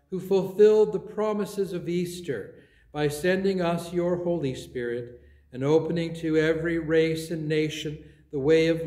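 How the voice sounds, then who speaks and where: Man, priest, solemn measured recitation, fairly high voice, echoing church reverb. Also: a little mellow. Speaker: priest leading worship. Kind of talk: liturgical service leading. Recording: roomy echoing church sound.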